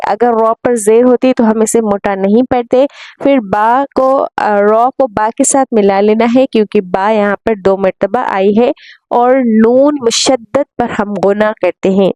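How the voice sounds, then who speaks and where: Woman recitation teacher, slightly high, mellow voice, patient, spells each letter out and stretches recited syllables. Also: dry recording, lo-fi sound. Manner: patient, spells out letters and vowel marks slowly. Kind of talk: tajweed lesson.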